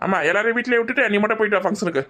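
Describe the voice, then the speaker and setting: A woman with a mid-pitched voice grumbles impatiently at the others in a village family skit. She talks very fast and clips her complaints short. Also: fairly bright tone.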